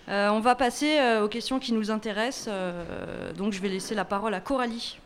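A woman co-hosting a podcast before a live audience, introducing guests with playful, deadpan teasing. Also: medium pitch, a little hiss or hum. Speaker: podcast co-host.

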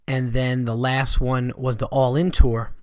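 Male podcast host, comic type: stuffy-nosed allergy voice, mid pitch, dry close sound, loose casual rambling. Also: little pitch movement, measured pace, darkish tone, clean tone, dry recording. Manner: rambling, conversational, swearing freely. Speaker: stand-up comedian hosting a podcast.

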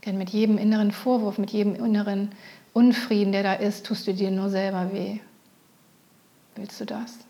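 A woman leading a guided meditation, speaking gently and often slipping into a whisper. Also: medium pitch, level tone. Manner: soft, slow, often whispered.

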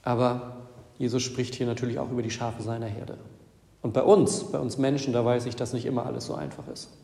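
A man's voice: medium pitch, flat delivery, fairly quick, gravelly, mellow. A man preaching a sermon as a pastor, talking in a conversational way with repeated phrases and little tag questions. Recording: echoey church hall with long reverb.

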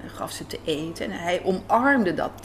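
This radio drama writer and director, a woman interviewed in a hotel café, relaxes into storytelling with a lowish, expressive voice at a moderate pace. Faint café sounds linger in the background, along with a little hiss or hum.

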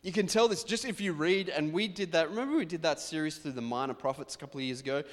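A male pastor preaching a sermon in a conversational, self-deprecating way, with quick asides to the congregation. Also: a little high, long reverb tail. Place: church.

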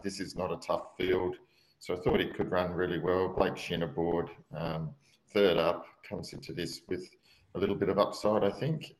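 A man giving horse racing tips in a casual, halting way, heard through a fuzzy, distorted mic connection. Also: low-pitched. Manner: halting, many ums and uhs. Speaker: racing tipster. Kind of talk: casual form-guide chat. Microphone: remote mic over a call.

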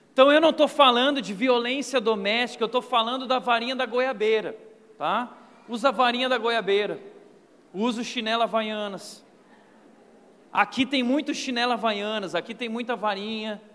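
A man with a Brazilian accent preaching a sermon, telling stories and acting out quotes in an animated way. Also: very high voice. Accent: Brazilian Portuguese. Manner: animated storytelling with acted-out quotes. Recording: long hall reverb.

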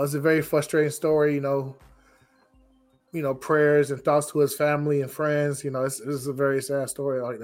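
A man hosts a casual podcast in a medium-pitched voice that is raspy, rough and hoarse because he is getting over a cold. He talks informally and drops in plenty of you-knows.

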